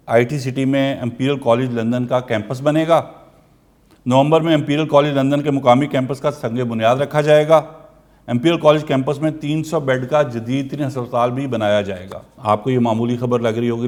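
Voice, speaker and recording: A man's voice: medium pitch, a little mellow. A man, delivering a political commentary monologue, firing pointed rhetorical questions.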